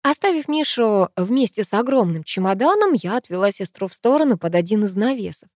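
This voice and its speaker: A woman reading a first-person audiobook in a steady storytelling manner. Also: medium pitch, a little fast, no room sound, studio quality. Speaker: audiobook narrator.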